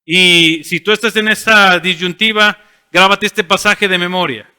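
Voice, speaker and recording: A man's voice: sits high, steady tone, measured pace, pushed and bright, smooth, long reverb tail. A man preaching a sermon as pastor, asking rhetorical questions and answering them himself. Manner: asks rhetorical questions and voices imagined listeners. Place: church sanctuary.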